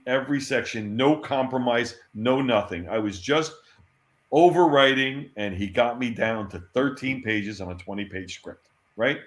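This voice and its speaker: A middle-aged man, a former comics editor, tells lively stories as an interview guest. He laughs often and repeats words when excited. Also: medium pitch. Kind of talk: casual anecdotal storytelling. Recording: roomy echo.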